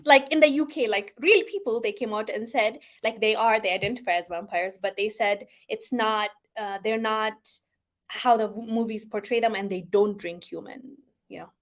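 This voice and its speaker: Expressive woman chatting through viewer comments. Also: a little high. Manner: expressive, laughs often, swings between soft and excited. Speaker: host. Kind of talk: casual chat reading out viewer comments.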